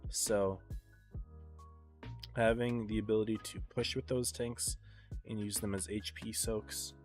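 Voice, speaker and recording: A man with a mid-range voice casts an esports match on a live stream. Sounding congested and tired, he calls the play in a relaxed, subdued way.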